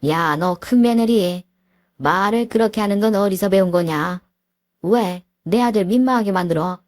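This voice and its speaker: A woman voicing a domineering, sharp-tongued older mother-in-law who sneers and drags out her scolding words. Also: lowish voice, animated, unhurried, no room sound, clean studio sound. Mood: scornful.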